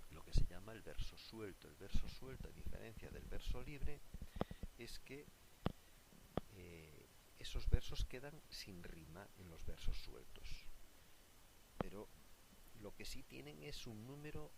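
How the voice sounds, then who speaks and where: Male teacher, deep gravelly voice, patient worksheet lesson over loud noise and clicks. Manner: patient, often asks "¿de acuerdo?". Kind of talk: recorded lesson explaining a worksheet.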